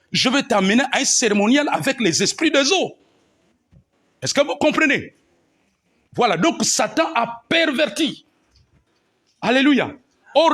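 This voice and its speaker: A man's voice: very high voice, a bit bright. A man preaching a teaching sermon, punctuating his points with amen and alleluia. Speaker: pastor.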